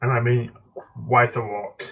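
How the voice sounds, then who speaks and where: Slow-talking Scottish man on a lo-fi stream. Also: mid-range voice, little pitch movement, pushed and bright. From Scotland. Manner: halting, with frequent ums and restarts. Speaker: live streamer answering chat. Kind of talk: casual live-stream chat. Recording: dull lo-fi stream audio.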